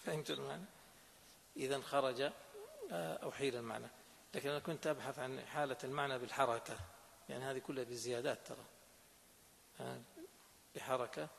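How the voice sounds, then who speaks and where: A man's voice: mid-range voice, fairly even intonation, fast talker, gravelly, pauses often, fairly bright tone. A man, a sheikh explaining a religious law text to students in a lesson and often checking that they understand. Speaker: sheikh teaching a fiqh text. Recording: echoey hall, faint background noise.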